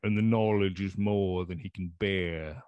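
Brief: steady middle-aged lawyer, low and dry, quietly worried; a man reads it. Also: measured pace, dry recording, lo-fi sound. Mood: musing.

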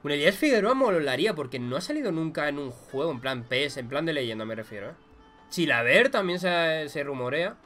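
A young man with a Spain Spanish accent giving excited gameplay commentary as a gaming YouTuber, swinging between muttered remarks and loud shouts. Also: a little high, fairly quick, soft background music.

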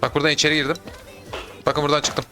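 A young adult man doing casual gameplay commentary, excitable, talking to himself and viewers with sudden yelps. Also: fairly high pitch, very fast, soft background music. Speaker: gaming YouTuber.

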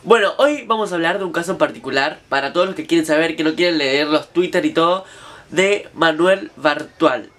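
A man's voice: fairly high pitch, brisk, fairly bright tone. A young man with an Argentine accent, casually recounting a story to his viewers in a chatty, slangy way. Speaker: vlogger.

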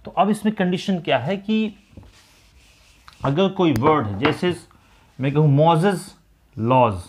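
A man teaching an English grammar lesson, explaining slowly and deliberately. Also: a little high, animated, darkish tone, a little hiss or hum. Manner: slow, deliberate explaining, mixing English and Hindi.

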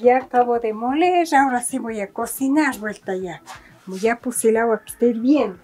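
Speaking at normal speed with a fairly high pitch, a middle-aged Andean Spanish-accented woman vlogs a farm cooking demonstration. Her talk to camera is homely and relaxed, packed with tender diminutives. Clicking kitchen noises make the audio clearly noisy, captured by a nearby handheld camera or phone in a small rustic indoor kitchen with a wood fire.

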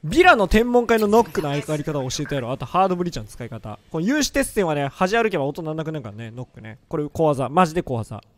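A hoarse man giving excitable, joking gameplay commentary, often mocking himself. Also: fairly high pitch, racing, few pauses. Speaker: gaming video creator.

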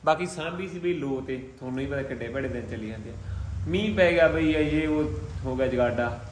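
Chatting casually to the camera about his pigeons, this man has a Malwai Punjabi accent and a mid-range voice that runs a little fast. He's a pigeon-keeping vlogger, jokey and talkative, addressing the boys and pets around him. The recording is low quality with slight background noise.

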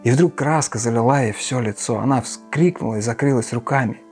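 Male audiobook narrator, mid-pitched, measured expressive reading over faint music. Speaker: audiobook reader.

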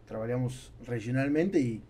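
A native Spanish speaker in his forties with an Argentine accent guests on a podcast as an entrepreneur, slipping Spanish words into casual talk. His mid-range, dark voice has lively intonation and a moderate pace. A boom-arm studio mic in a small foam-padded room picks up a little hiss or hum.

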